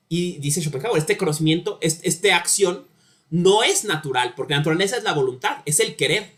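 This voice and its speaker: Mexican male lecturer, higher-pitched, chatty, keeps checking in with the class. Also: bright, forceful tone. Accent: Mexican Spanish. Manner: conversational, frequent tag questions, stumbling repetitions. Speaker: university philosophy lecturer. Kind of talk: informal lecture.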